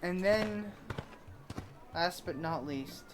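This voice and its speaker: Lowish-voiced woman gamer over game music. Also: drawn-out words. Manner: candid, offhand, mild swearing. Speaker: gamer commenting on a playthrough. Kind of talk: casual gameplay commentary.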